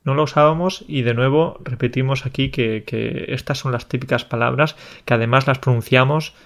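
Playful man co-hosting a podcast. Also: medium pitch. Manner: friendly teasing, playful. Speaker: podcast co-host. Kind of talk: casual chat about Spanish loanwords.

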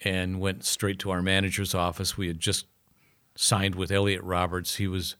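An older man with a lowish voice spins loose, casual anecdotes as a guest musician. He jumps between narration and quick imitations of the people in his stories, keeping the tone conversational. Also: smooth. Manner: lively storyteller who slips into voices of people in his stories.

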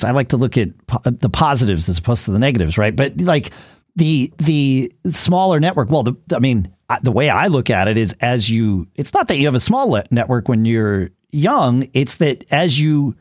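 A man co-hosting a casual business podcast, talking in an animated way, often restarting and checking in with "right?". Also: mid-range voice, normal speed, dry recording, studio quality. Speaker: podcast co-host.

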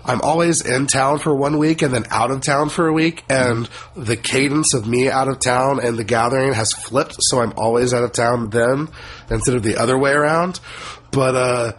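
A man chats casually on a podcast in a wheezy, hoarse voice worn by a cough. His pitch sits in an ordinary middle range, and there is clear noise behind him. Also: normal speed. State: voice affected by a lingering cough. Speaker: podcast co-reviewer.

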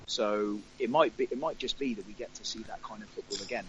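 A fairly low-pitched man speaks over a crackly remote call line that fades in and out, with faint hiss behind him. He talks about football hesitantly, with frequent ums and restarts. The sound is muffled and dull. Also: quick pace. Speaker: football podcast panelist. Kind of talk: casual football chat. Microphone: remote phone or computer call.

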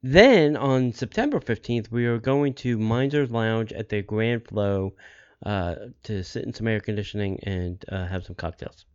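A man hosting a podcast, making casual announcements in a halting way and repeating details for listeners. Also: fairly low pitch, darkish tone, smooth, highs cut off. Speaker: podcast host.

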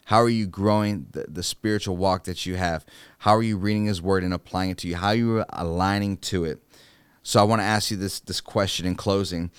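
A man's voice: low voice, clear, resonant tone, no room sound. A man who is a youth minister, giving an earnest, preacher-like devotional talk on a podcast and often asking "right?".

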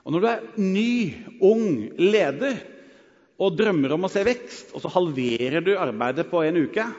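A middle-aged man preaching a sermon, telling a personal story that swings between lively and hushed. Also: on the high side. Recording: dull sound with long hall reverb.

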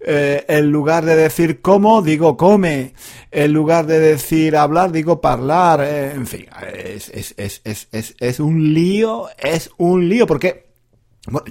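Animated playful male teacher. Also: a little high. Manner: repetitive, playful, self-deprecating. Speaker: podcast host and Spanish teacher. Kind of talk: teaching Spanish podcast.

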